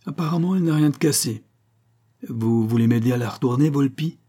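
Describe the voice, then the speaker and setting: A man's voice: medium pitch, a little fast, warm tone, pitched above the performer's own voice, natural voice. A man voicing a crude, sardonic coroner with glib, sneering remarks. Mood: puzzled.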